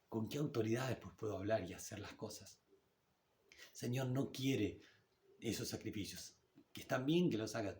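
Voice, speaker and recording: A man with an Argentine Spanish accent preaching a sermon in church, in a conversational way that slows down to read scripture aloud. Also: mid-range voice, darkish tone. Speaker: pastor.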